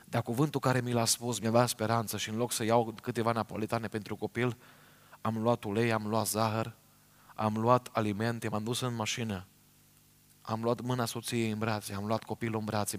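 A middle-aged man from Romania preaches a sermon with a somewhat low voice. He tells his story earnestly and speaks straight to his congregation. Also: flat delivery.

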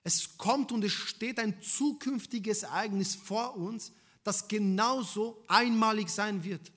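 A male preacher delivering a sermon in a high, bright voice. He presses his points with rhetorical questions to the congregation, his delivery swinging between loud emphasis and hushed lines. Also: takes it slowly.

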